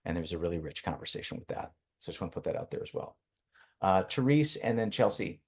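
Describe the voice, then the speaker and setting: Man, facilitator, very deep voice, husky, measured, affirming, video call. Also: lively intonation. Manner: affirming, measured, calls on speakers. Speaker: workshop facilitator. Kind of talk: facilitating a webinar.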